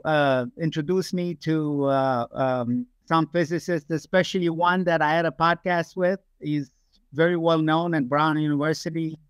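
Older guest from Romania, emphatic and rambling, fairly high voice, dry home video-call sound. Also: male voice, smooth, dry recording. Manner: emphatic, digressive, frequent fillers. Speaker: guest, aerospace engineer. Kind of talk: casual interview over video call. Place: home room, indoors. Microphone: webcam video call.

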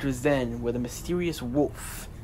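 A man's voice: mid-range voice, normal speed. A man narrating a homemade fantasy adventure story as its storyteller. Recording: noisy homemade recording.

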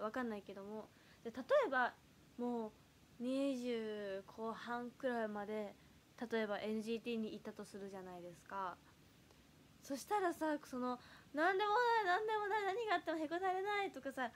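A young woman in her early twenties chats casually on a livestream, thanking viewers and reading their comments. Her voice sits very high, and it cracks upward whenever she raises it. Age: early 20s. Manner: chatty, reads fan comments aloud, voice flips up when loud. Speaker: idol livestream host.

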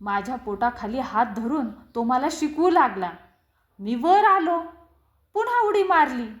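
A woman reading a children's story aloud in an expressive, deliberate storytelling manner. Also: on the high side. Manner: slow, expressive, acts out quoted lines. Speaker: story reader. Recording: roomy echo.

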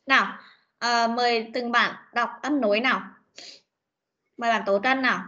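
A woman's voice: a little high, steady tone, moderate pace, sharp tone. A woman teacher with a Vietnamese accent, patiently coaxing young pupils in an online English class over a video call. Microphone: computer mic on a video call. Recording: dull lo-fi video call audio.

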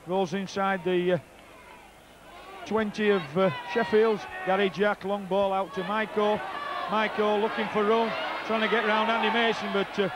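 A middle-aged man with a Yorkshire accent giving live rugby league match commentary. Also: sits high. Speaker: co-commentator, former player. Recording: outdoor match noise behind commentary. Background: stadium ambience and crowd.

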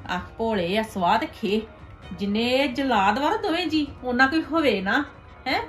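Woman playing a high-voiced scheming village aunt. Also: lively intonation, normal speed, soft background music, natural voice. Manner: gossipy, scolding, ends remarks with "haiṅ?". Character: meddling scheming village aunt, sharp-tongued. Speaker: paternal aunt. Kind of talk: web series drama dialogue.

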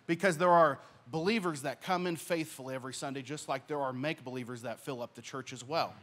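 Young male pastor preaching on a church stage, handheld mic, earnest delivery that swells on key points and softens at phrase ends. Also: mid-range voice, fast. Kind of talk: sermon.

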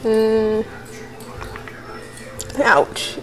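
A woman's voice: on the high side, extremely slow. A woman playing a video game at home, chatting casually to herself while she has the hiccups. She laughs a lot and swears freely. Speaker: let's play gamer. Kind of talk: casual gameplay commentary. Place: at home with others nearby. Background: faint game music.

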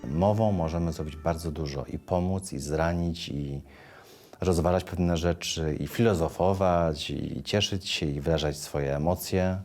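A man speaking calmly and reflectively in a documentary interview. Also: sits low, unhurried, faint music behind.

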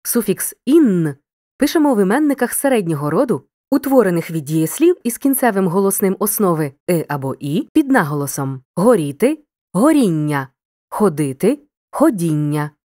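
A woman teaches in a scripted lesson, speaking to the listener directly and pronouncing each example word with care. Her voice sits low, yet her intonation rises and falls with lively movement. The sound is dry and close, with no room echo. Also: normal speed. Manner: addresses the listener directly, clear dictation of examples.

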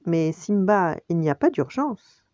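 A woman voicing a lively young female lion cub with a high, bright calling voice. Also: measured pace, no room sound. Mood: soothing. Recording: dull lo-fi dry recording.

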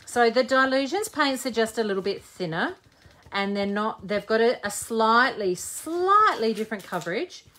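Expressive and bright with a forceful tone, a fairly high-pitched woman speaks at normal speed. In her forties, she hosts a live crafting demo, chatting, joking, and thinking aloud while working.

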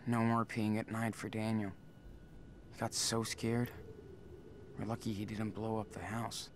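A man playing a weary, caring teenage big brother in a video game, musing to himself in a low-key way. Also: completely flat delivery, unhurried, a little hiss or hum, lightly acted.

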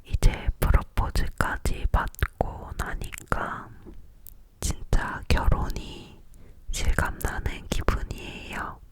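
Woman, young adult, leaning-in close whisper, breathy, unhurried pace, casual ASMR chat. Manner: slowly repeats words as soft trigger sounds. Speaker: ASMR video creator. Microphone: close-up microphone.

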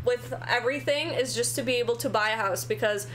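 A woman's voice: fairly high pitch, a little fast, loud music behind the voice. A young woman streamer chatting on a dating show in a laid-back, hesitant way, with many fillers. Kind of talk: casual stream chat. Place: gaming room at home.

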